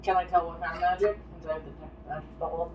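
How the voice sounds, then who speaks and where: A woman's voice: on the low side, fairly even intonation, racing, a little mellow, slight background noise. Puzzled woman player, echoey and distant. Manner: asks many puzzled questions. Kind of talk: casual chat during a tabletop game. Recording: echoey room, distant mic.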